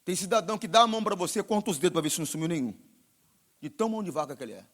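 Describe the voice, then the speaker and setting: A Brazilian-accented male pastor delivers a sermon, alternating between loud exhortation and quiet, confiding asides. His voice is high, animated, and rapid-fire.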